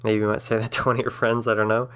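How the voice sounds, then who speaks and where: A man's voice: lowish voice, flat delivery, rapid-fire, fairly bright tone, clean tone. A man teaching a language-building lesson, patiently spelling out sounds with some filler words. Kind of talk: explanatory lesson.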